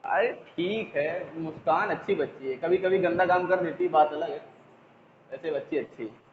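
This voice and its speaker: Chatty teacher scolding students on phone. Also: male voice, fairly high pitch, normal speed. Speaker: physics teacher. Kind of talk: online class, casual teasing. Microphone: mobile phone. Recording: echoey, tinny phone line, faint noise.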